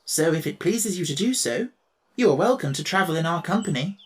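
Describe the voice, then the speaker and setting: A woman voicing a gentle, courteous male tin woodman in a storybook reading. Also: fairly low pitch, lively intonation, brisk, natural voice.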